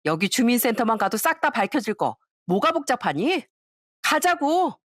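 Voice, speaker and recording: A woman's voice: a little high, sing-song, normal speed, dry recording, studio quality, pitched above the performer's own voice. A woman doing a sneering old classmate. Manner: sneering and taunting. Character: mocking former classmate, a woman, sharp and scornful.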